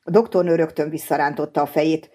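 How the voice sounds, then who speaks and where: A woman narrating a translated thriller as an audiobook, in a steady, measured way. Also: low voice. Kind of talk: scripted narration.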